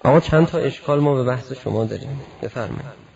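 A man's voice: mid-range voice, vocal fry, darkish tone, breathy edge, dull audio. A man giving a religious lecture, asking rhetorical questions and acting out imagined exchanges with his listeners. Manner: rhetorical, acts out imagined dialogues. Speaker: preacher.

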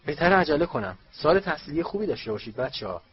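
A man voicing a harried middle-aged wizard father who speaks briskly. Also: medium pitch, lively intonation, lightly acted. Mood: hurried. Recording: slightly dull, faint hiss.

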